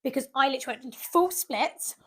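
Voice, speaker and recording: A woman's voice: high-pitched, expressive, fast, breathy edge. A young woman, co-hosting a podcast and telling a story with lots of acted-out quotes. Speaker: podcast co-host. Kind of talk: casual chat.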